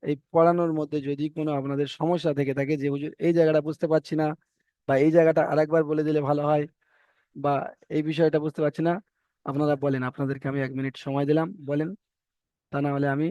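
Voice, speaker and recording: A man's voice: a little high, level tone, quick pace, mellow, clear, resonant tone, no room sound. A man teaching Quran reading in an online class, patiently repeating rules and correcting his students. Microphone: video call. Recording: dull dry online call audio.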